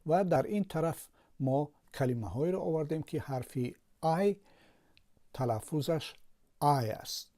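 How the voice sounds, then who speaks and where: A man's voice: on the high side, animated, mellow. A man with a Tajik Persian accent, a language teacher patiently explaining a lesson with word examples.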